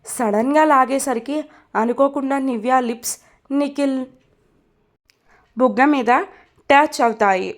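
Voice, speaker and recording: A woman narrating a romance story in a scripted reading. She voices all the characters and tags each line with its speaker. Her voice sits high. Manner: reads dialogue with inline speaker tags.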